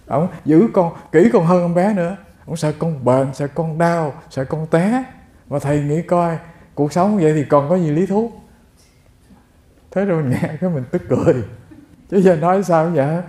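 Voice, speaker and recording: In an echoey room, a monk preaches a Buddhist sermon, narrating stories and talking directly to those listening. His voice is high-pitched and warm.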